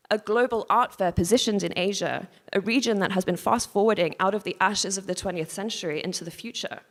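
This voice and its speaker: A woman reading a prepared conference lecture in a measured, formal way, pausing now and then to correct herself. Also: medium pitch. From Hong Kong. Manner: measured, formal reading with occasional restarts and apologies. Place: conference hall. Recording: long hall reverb.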